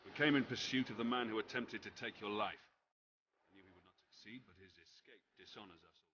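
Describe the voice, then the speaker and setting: An actor playing a stern, dutiful prison commander in a video game, with a formal military manner. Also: male voice, fairly low pitch, a little fast, pushed and bright, highs cut off, slight background noise. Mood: deferential, grim. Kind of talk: video game cutscene acting.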